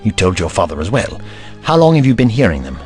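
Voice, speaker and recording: A man's voice: on the low side, very animated, fast talker, a little mellow, soft background music. A man playing a curious, kindly, slightly pompous Doctor with formal, theatrical courtesy in an audio drama. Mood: gentle, probing.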